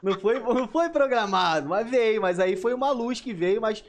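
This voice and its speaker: A man hosts a live stream and chats casually with his guests and the viewers. His speech is relaxed and full of slang. His voice sits high for a man. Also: normal speed. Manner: relaxed, reads the chat, slangy. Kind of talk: casual chat.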